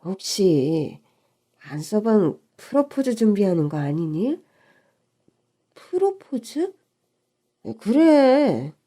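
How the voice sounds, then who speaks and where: A woman voicing a doting middle-aged mother who talks slowly and reassuringly in an audio story. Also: medium pitch, lively intonation. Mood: soothing. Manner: slow, gentle and reassuring.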